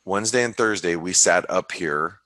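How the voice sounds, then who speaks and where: A man talks through the markets on a trading webinar in a very low, forceful voice. He halts, restarts and fills gaps as he thinks aloud. The sound is close and dry, with no room around it. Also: no room sound. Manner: halting, many restarts and fillers, thinks aloud. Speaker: forex market analyst. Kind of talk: casual webinar market commentary.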